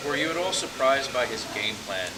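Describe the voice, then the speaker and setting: Distant male reporter under loud noise. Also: mid-range voice, expressive, brisk. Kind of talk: press scrum questioning.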